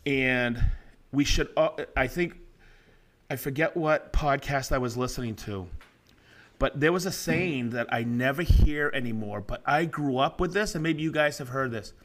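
A middle-aged man co-hosting a casual podcast, animated and quick to laugh. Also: medium pitch. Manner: animated, laughs loudly and often, reads comments in mock voices. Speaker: podcast co-host. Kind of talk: casual chat.

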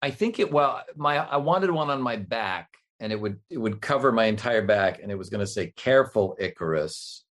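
A man's voice: medium pitch, lively intonation, a little fast, few pauses, fairly bright tone. A middle-aged man, a voice actor, chatting as an interview guest in a rambling, self-deprecating way. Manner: rambling, self-deprecating, many fillers and restarts. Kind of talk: casual interview chat.

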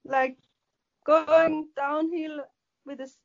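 A woman's voice: high-pitched, little pitch movement, slow, dull audio. A woman with a German accent, a guest answering podcast questions hesitantly, searching for English words. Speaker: athlete guest.

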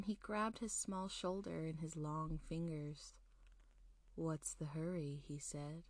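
A woman with a fairly low voice narrates a scripted monster folktale. She hosts like a storyteller, folksy and unhurried, and the sound is close and dry. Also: no echo. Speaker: storyteller, show host.

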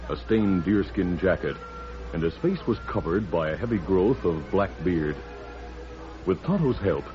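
A man giving dramatic, deliberate scripted narration for a vintage radio serial. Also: deep voice. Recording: dull vintage radio recording.

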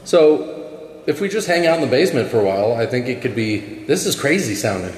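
A man's voice: mid-range voice, very animated, fast. A man co-hosting a casual chat, with a heavy digital echo added to his voice; he jokes and swears freely. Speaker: podcast co-host. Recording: digital echo, faint noise.

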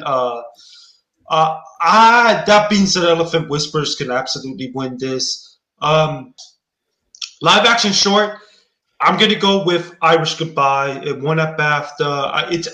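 A man's voice: fairly high pitch, lively intonation, moderate pace, bright, forceful tone. A man hosting a casual chat about award predictions, thoughtful and hedging with frequent restarts. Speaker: podcast host. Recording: echoey room.

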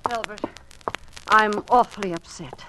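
A woman's voice: medium pitch, unhurried, lightly acted. A woman playing a wealthy, aggrieved wife in a melodramatic 1940s radio drama manner. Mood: upset, accusing. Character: wealthy, aggrieved wife, imperious then frightened. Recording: noisy old radio recording.

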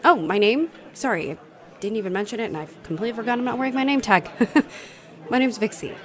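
A woman's voice: on the high side, animated, fast talker, lightly acted. A young woman voicing a bubbly female bartender who is a starstruck fight fan, gushing, apologizing and laughing nervously. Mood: earnest, giddy. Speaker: roleplay voice performer. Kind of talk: audio roleplay acting.

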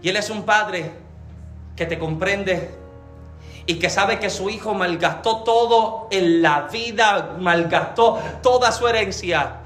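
A man's voice: sits high, takes it slowly, fairly bright tone. A Puerto Rican man preaching a sermon as pastor, emphatic and passionate, calling his listeners beloved. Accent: Puerto Rican Spanish. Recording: echoey room with faint background music.

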